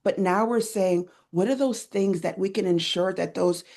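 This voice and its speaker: Gravelly, upbeat woman telling stories. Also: moderate pace. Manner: enthusiastic storyteller, lively swings in pitch when retelling scenes. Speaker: guest, end-of-life doula educator. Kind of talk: conversational interview.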